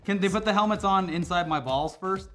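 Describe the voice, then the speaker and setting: A young man co-hosting a comedy news show, animated and sarcastic with quick jokes. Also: high-pitched, faint music behind. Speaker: co-host. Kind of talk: casual comedic news chat. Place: studio.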